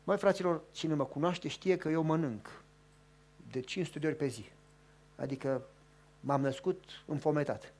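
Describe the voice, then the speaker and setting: A pastor, a man, preaching in a lively, colloquial storytelling way, acting out the dialogue. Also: on the high side. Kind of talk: storytelling sermon.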